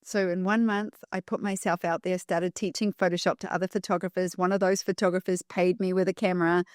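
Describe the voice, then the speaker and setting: A woman's voice: lowish voice, little pitch movement, brisk, darkish tone, no room sound, clean studio sound. A woman guest on a podcast, telling stories emphatically and repeating key phrases for effect. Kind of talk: storytelling in an interview.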